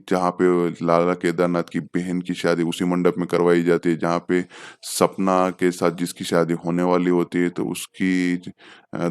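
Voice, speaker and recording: Low, flat-voiced man recapping a film plot. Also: smooth, no room sound, studio quality. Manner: unscripted, with hesitant fillers and self-corrections. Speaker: film reviewer.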